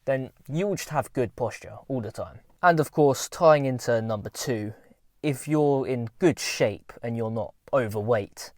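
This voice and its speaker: A man's voice: medium pitch, a little slow, a little mellow, dry recording, clean studio sound. Earnest young man giving advice. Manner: earnest, informal, motivational. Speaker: self-improvement vlogger. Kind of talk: casual advice talk to camera.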